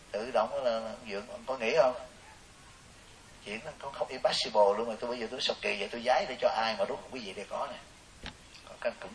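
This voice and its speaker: A man, a Buddhist monk giving a joking, storytelling dharma talk to lay listeners. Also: mid-range voice. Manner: animated, joking, storytelling with quoted voices. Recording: hissy distant recording.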